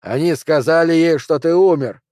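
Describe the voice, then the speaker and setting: A man's voice: on the high side, moderate pace, a little mellow, no room sound, studio quality, voice pushed up, close to an everyday voice. A man reading an audiobook, voicing a nervous man pleading tensely while held at gunpoint.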